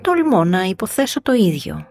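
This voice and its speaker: A woman reading the lines of an irritable, jumpy gentleman scholar in an audiobook story. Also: mid-range voice, sing-song, soft background music.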